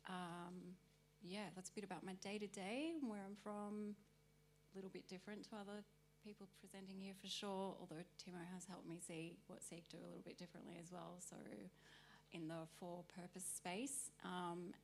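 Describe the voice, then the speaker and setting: A woman's voice: lowish voice, flat delivery, moderate pace, slight background noise. A woman introducing herself on a conference panel, friendly and thoughtful, with many fillers. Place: conference stage.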